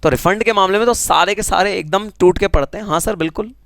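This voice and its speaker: A man's voice: high-pitched, fairly quick, gravelly, fairly bright tone, dry recording. A man with an Indian accent teaching a live online tax class, teasing students and answering their comments in a conversational way. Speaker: GST teacher.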